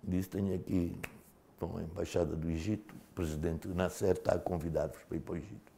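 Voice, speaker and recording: An older man from Mozambique, a former liberation fighter, telling his story in a studio interview with animated delivery and frequent casual fillers. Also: low voice, fast, creaky, husky.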